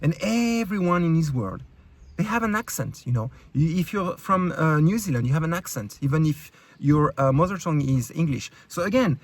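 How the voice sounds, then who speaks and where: Speaking at a moderate pace in a gravelly, slightly high voice, this man from France delivers an animated, furious rant to his YouTube audience. He's blunt and profane, with a French accent and plenty of fillers and restarts in his heated talk.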